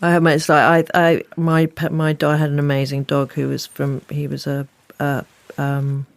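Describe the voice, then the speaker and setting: Host speaking in halting bursts. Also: medium pitch, monotone, creaky, no echo. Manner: halting and emotional, restarts mid-phrase. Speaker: podcast host. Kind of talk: chatty interview.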